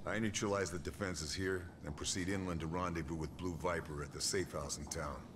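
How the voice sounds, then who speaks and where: An actor playing a stern wartime sniper giving a calm, clipped mission briefing in a video game. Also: male voice, low-pitched, a little fast, noisy background, natural voice. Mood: determined. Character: stern male wartime sniper hero, terse. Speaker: game character.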